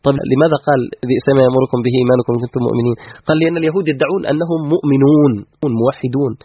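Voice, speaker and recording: A man's voice: medium pitch, steady tone, rapid-fire, slightly rough, dry recording, narrow, tinny audio. A man as guest scholar explaining scripture in a religious lecture, emphatic and full of rhetorical questions.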